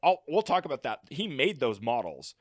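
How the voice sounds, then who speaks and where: A man co-hosting a film podcast, talking in a rambling, animated way with lots of fillers and laughs. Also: medium pitch, moderate pace, dry recording, studio quality. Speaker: podcast co-host. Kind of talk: casual film discussion.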